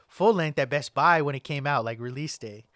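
A man's voice: fairly high pitch, moderate pace, a bit bright, no echo. Rambling slangy young man, dry mic. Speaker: podcast host. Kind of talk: casual chat.

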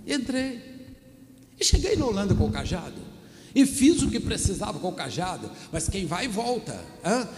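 A pastor preaching a sermon, telling stories and acting out the dialogue himself. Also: male voice, sits high, big pitch swings, moderate pace. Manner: storytelling, acting out dialogue in his own voice. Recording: echoey hall, faint ambience.

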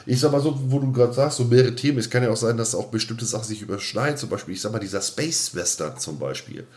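A middle-aged man co-hosts a podcast, talking fast in a medium-pitched, slightly mellow voice. The chat is casual and unscripted, and he repeats words as he thinks out loud.

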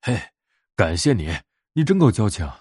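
A man's voice: on the low side, big pitch swings, moderate pace, a little mellow, breathy edge, no room sound, studio quality. A man voicing a gullible, easily frightened male tiger in a bedtime story, naive and trusting. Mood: grateful.

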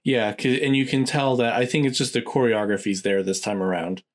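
A man's voice: mid-range voice, fairly even intonation, a little fast. A man co-hosting a casual discussion of films, speaking informally.

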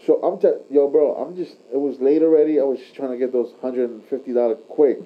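A man with a mid-pitched voice tells casual stories in crude frat-bro slang, dropping bro constantly. The recording is dull and lo-fi. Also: fairly even intonation, quick pace. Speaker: tattoo artist telling stories. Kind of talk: casual chat, anecdote telling. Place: tattoo shop.

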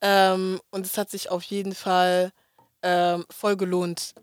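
Relaxed young woman chatting casually. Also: fairly low pitch, slow, clean tone, no room sound. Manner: relaxed and friendly, many fillers, mixes in English words. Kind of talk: casual podcast chat.

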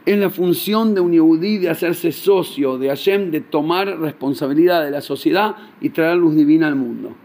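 A man with a Rioplatense accent tells a religious story with lively, animated delivery, slipping into the voices of his characters. His voice sits a little higher than most men's. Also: moderate pace, few pauses. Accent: Rioplatense Spanish. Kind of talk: storytelling sermon.

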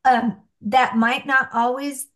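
A woman in her forties, a guest on a faith-based chat, talking in a halting way with many restarts. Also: sits high, level tone. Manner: halting, restarts, laughs often. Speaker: guest, coaching client.

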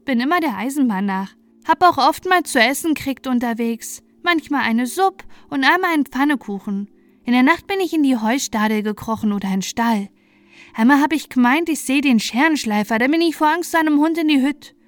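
A woman's voice: sits high, animated, fairly quick, no room sound, pitched above the performer's own voice. Woman doing a chirpy runaway boy. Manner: chirpy boastful dialect chatter. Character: cheeky little peasant boy runaway.

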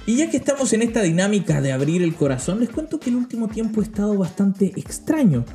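A man's voice: high voice, warm tone. A young Chilean man hosting a podcast, talking about faith in a joking, self-mocking way and mimicking other people's voices. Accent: Chilean Spanish. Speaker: podcast host. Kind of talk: humorous faith monologue.

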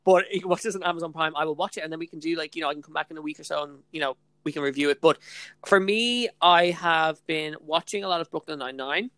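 Chatting on a podcast she co-hosts, this young Irish woman gushes with bubbly energy and leans heavily on filler words like "like" and "literally." She talks fast in a low, fairly bright voice, and the recording has no echo.

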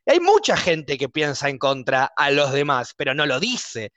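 This Argentine-accented podcast host talks with emphatic passion and a clear taste for argument in a casual chat. His fairly bright, high-leaning voice swings widely in pitch, with no room sound.

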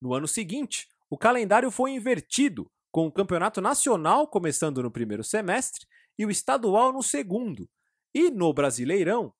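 A Brazilian man narrates a scripted football history in a high, husky voice. His pitch moves in a lively way, and the sound is dry and close. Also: no room sound. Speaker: narrator and host.

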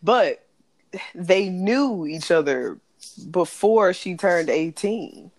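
A mid-pitched speaker talks slowly in casual podcast chat, restarting often and swearing while working through a point. The delivery is drawn out and searching. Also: animated.

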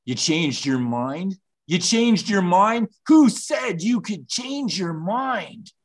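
Big-man-on-campus bully, male actor: pompous, mocking, slow and very animated, for comic radio drama. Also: high voice, full character voice. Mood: taunting. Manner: mocking, drawn-out, theatrical repetition. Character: taunting, self-important high school bully, big man on campus. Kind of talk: comedic radio-play acting.

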